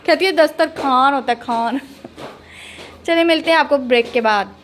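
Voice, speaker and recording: Brief: young woman, family vlogger, fairly high voice, chatty and teasing, phone recording with faint room noise. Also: normal speed, fairly bright tone. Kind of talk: casual vlog chat. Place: home and rooftop, outdoors at times.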